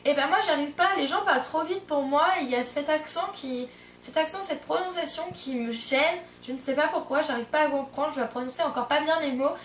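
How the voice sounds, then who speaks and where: A woman's voice: sits high, a little fast, a little hiss or hum. A young woman in her twenties from France chatting casually in a vlog, rambling with lots of fillers and self-corrections. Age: 20s. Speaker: au pair vlogger. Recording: roomy echo, distant from the mic.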